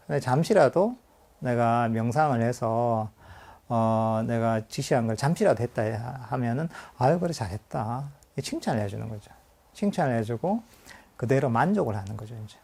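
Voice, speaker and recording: Mellow-voiced monk giving a talk. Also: male voice, mid-range voice. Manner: conversational teaching with acted inner-voice quotes and light laughter; frequent fillers and restarts. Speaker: Buddhist monk teaching meditation. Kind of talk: meditation lecture.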